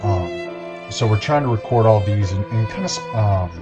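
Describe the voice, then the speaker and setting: A man's voice: fairly low pitch, animated, normal speed, over music. A young man co-hosting a sports podcast, rambling in a folksy way. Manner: rambling, folksy, says "y'all" a lot. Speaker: podcast co-host. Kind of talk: casual sports chat. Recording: dull lo-fi sound.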